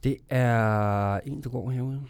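A man's voice: mid-range voice, vocal fry, darkish tone, clean tone. A man hosting a casual radio show, joking around with a co-host and setting up prank phone calls. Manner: joking, playful, laughs often.

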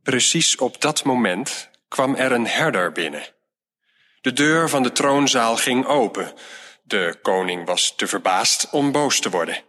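A man narrating a storybook tale in a slow, measured reading voice. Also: medium pitch, animated, pushed and bright. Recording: long hall reverb.

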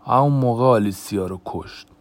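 A man voicing a brooding adult man who bluntly reveals a dark family secret, in a tense, raised voice, in an audiobook. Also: mid-range voice, lightly acted.

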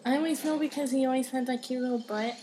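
A woman's voice: high-pitched, fairly even intonation, dark tone, a little hiss or hum. A woman co-hosting a casual podcast, teasing and laughing often. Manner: teasing, laughs a lot, slow drawl. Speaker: podcast co-host.

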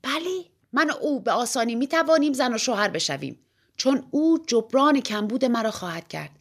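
A woman's voice: on the high side, animated, voice pushed up. Brief: tiny showy male joker, as a woman reader puts him on, theatrical and mock-grave. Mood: mock-earnest. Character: tiny jesting male engineer, showy and playful.

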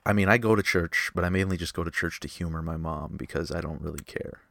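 Brief: young man, low gravelly voice, dry close mic, excitable podcast host who jokes and swears. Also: fast, dry recording. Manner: excitable, joking, swears freely. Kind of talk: casual argumentative chat.

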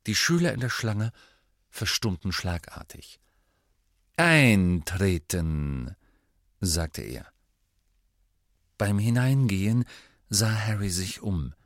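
In scripted audiobook narration, a man with a lowish voice tells the story in a measured, even way. The sound is clean studio quality with no echo.

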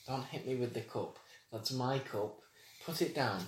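A man's voice: medium pitch, a little slow, a little hiss or hum. A man co-hosting a podcast, chatting casually and teasing his friend. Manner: teasing, jokey. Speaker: podcast co-host. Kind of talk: casual chat. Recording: roomy echo.

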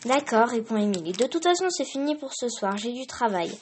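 A woman voicing an eager, excitable little girl in a storybook reading. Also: on the high side, brisk, slight background noise.

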